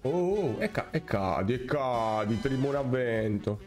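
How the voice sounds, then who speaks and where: A young man, giving excitable, swearing live commentary on his own gameplay and shouting at the game. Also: medium pitch, unhurried, soft background music. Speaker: gaming content creator.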